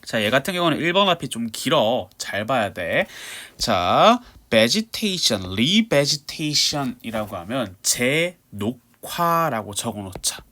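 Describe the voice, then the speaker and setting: A man's voice: medium pitch, big pitch swings, takes it slowly, hardly any pauses, bright, forceful tone. A male English teacher giving an exam-prep lecture, walking students through a text in a mix of casual and polite speech.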